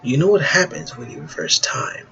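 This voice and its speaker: A man voicing a calm, mysterious male guardian who speaks low and hushed, half-whispered. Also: normal speed, gravelly, dull audio, a little hiss or hum.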